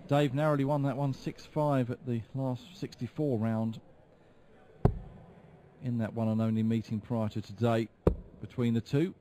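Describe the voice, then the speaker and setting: A man giving live darts commentary in a measured, explanatory way. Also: mid-range voice, level tone, background noise. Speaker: sports commentator.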